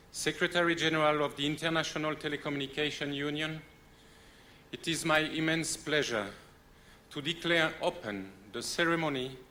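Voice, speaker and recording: Male official, formal ceremony opener; fairly high, bright, crisp and ceremonious. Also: slight background noise. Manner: protocol-bound, ceremonious. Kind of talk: formal opening address.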